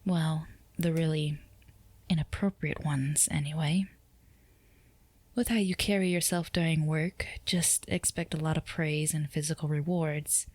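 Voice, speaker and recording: A woman performs as a dominant, flirty boss in an ASMR roleplay drama, her voice low and soft and sinking into whispers, recorded very dry and close. Teasing and confident, she expects obedience, and her tone is coaxing and flirtatious.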